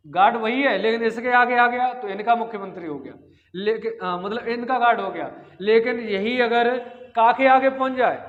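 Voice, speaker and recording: A man's voice: very high voice, fairly bright tone, long reverb tail, dull audio. A man teaching Sanskrit grammar in an exam-prep lecture. He asks the class questions, answers them himself, and sounds out the lip consonants. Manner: demonstrates lip sounds aloud.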